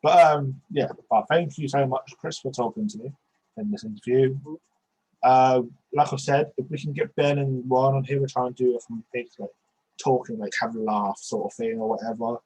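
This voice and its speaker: Talking from a small bedroom on a headset, this podcast host in his 20s keeps restarting his sentences during a casual video-call chat. The recording is rough, and his mid-range voice is steady, slightly rough and a little mellow, at a normal speed.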